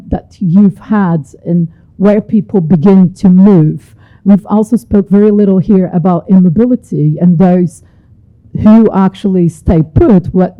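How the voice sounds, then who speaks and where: A woman researcher asking a polite, measured question from the audience at a panel. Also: mid-range voice, no echo, phone-quality sound.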